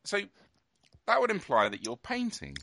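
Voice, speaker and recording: A man's voice: high-pitched, wildly swooping pitch, normal speed, gravelly, pushed and bright, no room sound. A man co-hosting a podcast, teasing his co-host with dry humor in casual chat.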